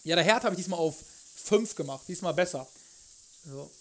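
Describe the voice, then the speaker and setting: A young adult man hosts a cooking livestream from his home kitchen, chatting casually through a headset mic. He rambles and jokes in loose slang while answering his chat. His voice is a little high and a little fast.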